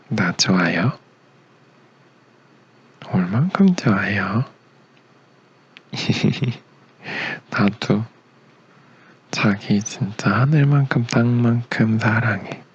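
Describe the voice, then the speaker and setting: A man acts out a young romantic leading man, the devoted boyfriend in an ASMR voice drama. His voice sits fairly low and is very breathy and husky, murmuring tenderly and at times slipping into a whisper. He takes his time, soothing and gentle, on a slightly muffled recording. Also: very slow, long pauses, heavily acted. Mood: affectionate teasing. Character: doting, gentle young boyfriend caring for his sick girlfriend. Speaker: boyfriend in a role-play.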